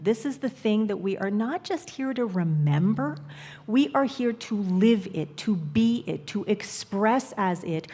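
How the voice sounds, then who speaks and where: A woman minister giving a sermon in an easygoing, conversational way, often checking in with "right?". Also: medium pitch. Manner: conversational, warm-hearted and affirming, with frequent "right?". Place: church sanctuary.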